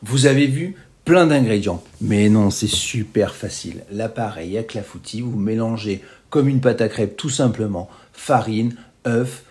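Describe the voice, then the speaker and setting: A man's voice: fairly low pitch, a little slow, hardly any pauses, a little mellow. A man hosting a food radio show, talking casually and chatting playfully with light irony as he walks listeners through a recipe. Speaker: radio host.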